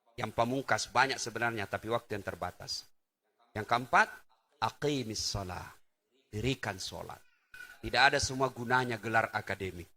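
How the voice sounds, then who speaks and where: Animated man preaching, bright voice. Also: medium pitch. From Indonesia. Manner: animated, swings from loud exclamations to soft asides, acts out little scenes. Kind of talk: lively sermon to a live audience.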